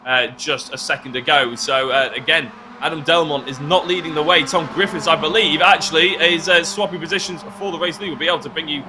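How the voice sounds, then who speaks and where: A man giving excited live race commentary as lead commentator, his voice going hoarse and breaking into shouts at overtakes. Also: on the high side, a little fast, hardly any pauses, background noise. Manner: excitable, builds to shouts at passes.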